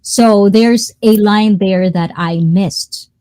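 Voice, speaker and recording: A woman's voice: medium pitch, slow pace, dark tone, no echo. A woman hosting and moderating a casual live group chat.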